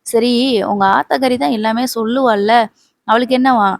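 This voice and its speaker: A woman voicing a middle-aged uncle who gently lectures his niece, in a soothing way. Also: a little high, steady tone, normal speed, creaky, dry recording. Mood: advising.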